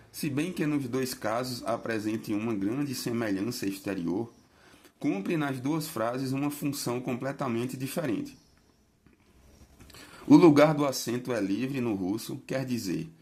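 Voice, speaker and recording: Man, scripted lecture reading, measured, stresses example words. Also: mid-range voice, a little mellow. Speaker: reader of a linguistics text.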